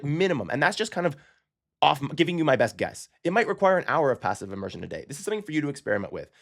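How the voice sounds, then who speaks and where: A language-learning channel host gives a casual explanatory lesson to camera, chatting in a relaxed way. He moves along quickly at a middle pitch, frequently asking "okay?" and correcting himself mid-sentence.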